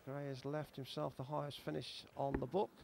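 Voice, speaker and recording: A man's voice: mid-range voice, level tone, a little fast, gravelly, noisy background. A man giving chatty, explanatory darts commentary as part of a broadcast.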